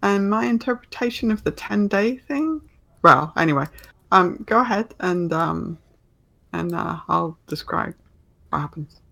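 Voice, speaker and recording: A man runs a tabletop game with improvised narration. His voice is gravelly and he talks slowly and haltingly, feeling for each word. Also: sits high, lively intonation, pushed and bright. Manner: halting, searching for words. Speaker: game master.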